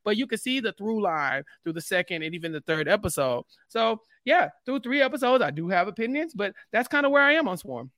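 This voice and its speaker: A man, a guest on a casual podcast, joking and animated as he tells his take. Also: high-pitched, fairly quick, hardly any pauses, no room sound, clean studio sound. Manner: animated and joking, with dramatic quoted asides.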